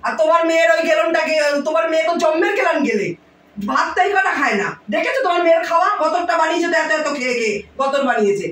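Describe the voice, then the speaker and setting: A woman's voice: lively intonation, fast talker. A woman playing a harsh stepmother in a home drama, scolding and hurling insults. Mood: shouting. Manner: shrill, nagging, shouting insults. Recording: roomy room, mic far off, faint noise.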